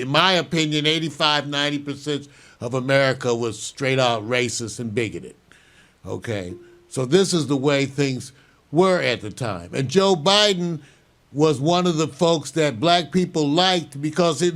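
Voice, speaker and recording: An older man hosting a show, giving measured, opinionated news commentary and chuckling now and then. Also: on the high side, fairly bright tone. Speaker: show host.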